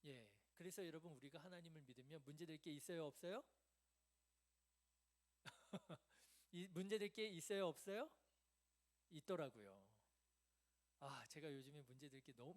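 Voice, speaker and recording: A man preaching a midweek sermon in a church, conversational, asking the congregation questions and answering them himself. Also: fairly high pitch. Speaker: pastor. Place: church sanctuary.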